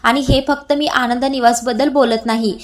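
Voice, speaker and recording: A woman's voice: on the high side, steady tone, normal speed, natural voice. A woman voicing an angry, hurt young wife in a retold TV serial, speaking in a reproachful, raised voice.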